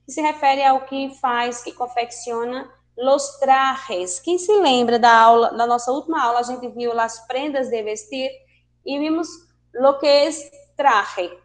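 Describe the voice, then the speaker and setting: A woman's voice: sits high, a little slow. A woman teacher with a Brazilian accent, explaining a language lesson patiently and asking her students questions. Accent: Brazilian Portuguese. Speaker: Spanish teacher. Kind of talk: online class lesson.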